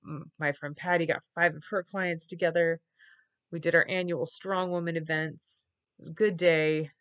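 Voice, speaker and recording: A woman's voice: on the low side, flat delivery, moderate pace, fairly bright tone. A middle-aged woman speaking casually and candidly to camera, weary and reflective. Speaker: vlogger. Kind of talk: casual confessional vlog talk. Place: small wood-paneled room indoors.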